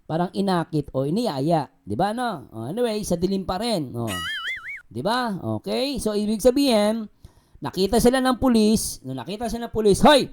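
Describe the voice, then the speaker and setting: A man's voice: high voice, sing-song, moderate pace, background noise. A man hosting a reaction video, commenting casually and jokingly with lots of fillers. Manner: chatty, joking, many fillers like oh and di ba. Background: background music.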